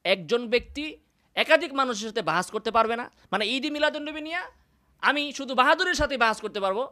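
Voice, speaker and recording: A man preaches in a combative monologue from indoors. His voice is bright and cutting, and he keeps firing scornful rhetorical questions at his rivals. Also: very high voice, lively intonation, quick pace. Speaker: Islamic preacher.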